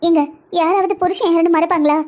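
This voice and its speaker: A woman's voice: very high-pitched, fairly even intonation, brisk, darkish tone. A woman voicing family-drama cartoon characters with a pleading, emotional delivery. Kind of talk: Tamil cartoon voice acting.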